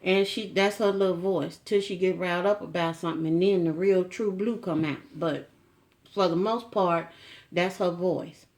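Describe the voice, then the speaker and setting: A woman's voice: lowish voice, steady tone, normal speed, darkish tone. A middle-aged woman chatting casually to camera at home, folksy and teasing, with frequent asides to her viewers. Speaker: vlogger.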